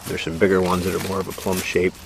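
Here a farmer with a low voice and a quick, completely flat delivery shows off his vegetable fields on foot, chatting in a relaxed, meandering way full of "uh" fillers. The audio comes from a handheld camera mic carried as he walks outside, and insects and crickets buzz in the background.

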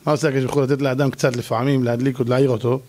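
A man, a rabbi, giving a lively Torah lecture, telling stories and acting out their characters. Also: medium pitch, a little hiss or hum. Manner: animated storytelling, acting out characters.

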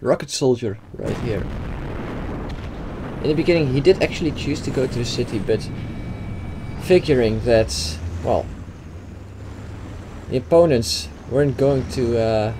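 Over a replay with game noise audible, a young Dutch-accented YouTuber gives gameplay commentary at a measured pace and medium pitch. He pauses often, hesitating with fillers and restarting his thoughts.

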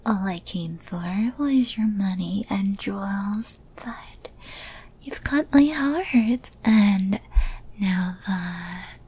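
A woman in a whispered role-play, playing an obsessively lovestruck thief who teases and coaxes her captive in a breathy, possessive whisper. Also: mid-range voice, darkish tone, heavily acted, low-quality recording. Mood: teasing, smitten. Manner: slow, breathy, coaxing whisper with pet names. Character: infamous female thief, obsessively lovestruck, teasing and possessive kidnapper.

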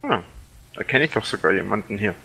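A man's voice: fairly low pitch, lively intonation, fairly quick, creaky, heavy background noise. A young man on a voice call, speaking through a voice changer, dry and defensive. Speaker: guest in voice chat.

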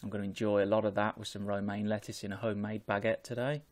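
Man, thirties, lowish voice, casual vlog chat, measured explaining, earphone mic. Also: level tone, darkish tone. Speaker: vlogger. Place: small home room with bookshelves. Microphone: earphone microphone.

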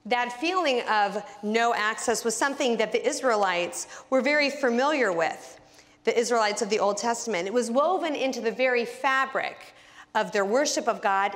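Higher-voiced woman telling a story with lively expression. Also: moderate pace, in a large hall. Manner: animated, expressive storyteller acting out dialogue. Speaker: Bible study teacher. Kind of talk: personal storytelling in a Bible lesson.

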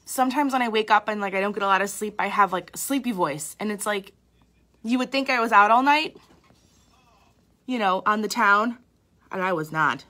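A young woman talks through a makeup routine in a loose, candid way, full of "like" and "um." Her tone is bright and clear, but she sounds a little sleepy and tired. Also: medium pitch, lively intonation, moderate pace, pauses often. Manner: chatty, candid, self-deprecating, lots of fillers. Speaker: makeup artist. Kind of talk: casual live makeup tutorial.

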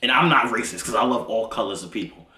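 Here an American man in his twenties, a YouTuber host, chats and jokes with strangers inside a small room, now and then addressing viewers directly. He speaks quickly in a lowish voice with a bright, forceful tone, and the recording carries echo and faint noise.

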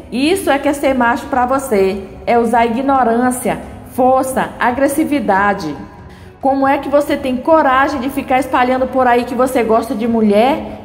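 Woman reading furious jilted bride, high voice, echoey room, faint music. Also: lightly acted. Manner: read-out dialogue with mild emphasis.

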